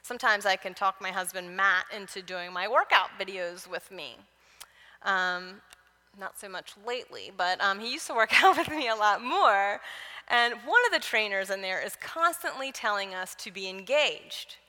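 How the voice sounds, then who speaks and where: A woman's voice: mid-range voice, animated, normal speed, sharp tone. A woman giving a Bible teaching talk, conversational, mixing personal stories with direct exhortations. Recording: long reverb of a large hall.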